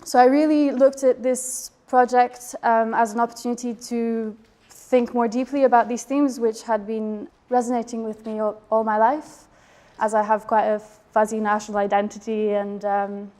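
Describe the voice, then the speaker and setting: A woman with a hard-to-place accent that blends English and French gives a thoughtful artist talk. Her voice sits slightly high and stays fairly level, with little rise and fall. She pauses often and fills the gaps with soft ums as she reflects. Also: little pitch movement. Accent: indeterminate mix of English and French. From Geneva border area, Switzerland/France. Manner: hesitant, many ums, reflective. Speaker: photographer presenting her residency project.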